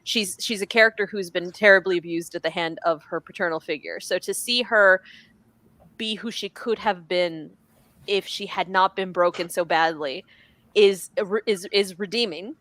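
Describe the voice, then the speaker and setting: A woman's voice: on the low side, normal speed, no echo. Chatty woman, dry close sound. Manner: chatty, lively, many restarts. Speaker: podcast co-host. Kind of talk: casual pop-culture discussion.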